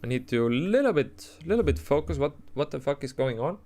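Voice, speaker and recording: Speaking briskly and very animatedly, a man with a slightly high, somewhat mellow voice and an Estonian accent chats loosely during a live stream. He replies to his chat with frequent fillers and restarts in casual commentary, with faint music behind him.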